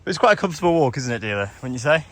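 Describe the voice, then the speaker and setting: A young man's mid-range, slightly bright voice races along in a sing-song manner. He's hosting a casual travel vlog outdoors in a lakeside village, with street noise behind him, talking with his companion as they walk and asking them questions.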